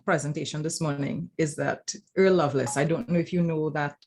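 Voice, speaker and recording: This Trinidadian woman lectures on academic writing as a panel speaker at an informal roundtable. Her low voice is steady, fairly quick and a little mellow, with slight hiss or hum in the background. She explains things reflectively and keeps checking in with "right?".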